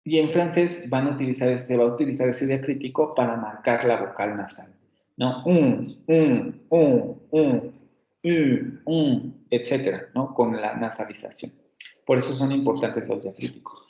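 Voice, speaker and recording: A man with a Mexican Spanish accent teaching a university class in an explanatory way, saying example words over and over and often correcting himself mid-sentence. His voice sits at an ordinary middle pitch. The sound is roomy and a little dull, as if picked up by a computer microphone. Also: normal speed, a little mellow. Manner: explanatory, repeats example words aloud, frequent self-corrections. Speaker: university lecturer. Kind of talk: online lecture on phonetics.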